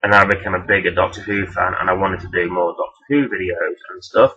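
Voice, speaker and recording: A man's voice: low voice, steady tone, fairly quick, bright, forceful tone. A man giving a casual, rambling toy review in a hesitant, self-deprecating, blunt and sweary way. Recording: dull, lo-fi sound.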